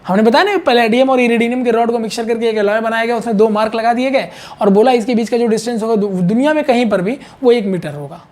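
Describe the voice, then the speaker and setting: With few pauses, a man in a very high-pitched, darkish voice talks fast through an online chemistry explanation. His style is conversational and repetitive, and he frequently checks in with students.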